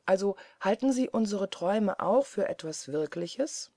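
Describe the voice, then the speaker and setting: A woman voicing a curious, earnest young woman who speaks quickly and eagerly. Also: medium pitch, animated, warm tone, no room sound.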